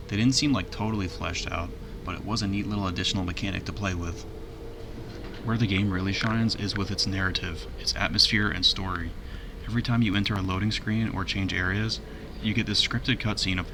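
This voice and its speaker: A man narrating a video game review in an informal, plainspoken way. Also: sits low.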